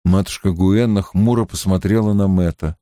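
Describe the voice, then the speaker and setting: A man narrating an audiobook in an expressive storytelling manner. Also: deep voice, normal speed, no room sound, studio quality.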